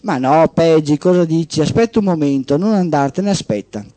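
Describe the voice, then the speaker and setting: A man's voice: fairly high pitch, normal speed, dark tone, no echo, lightly acted. A man voicing an adult woman emergency operator in a story, asking patient, coaxing questions. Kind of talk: reading a story aloud on radio.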